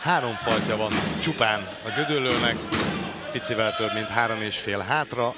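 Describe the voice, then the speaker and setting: A man giving excited live futsal commentary with wry, joking asides. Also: lowish voice. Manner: excited, shouting as attacks build. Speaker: sports commentator. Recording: loud crowd and hall noise. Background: crowd, ball bounces, slams.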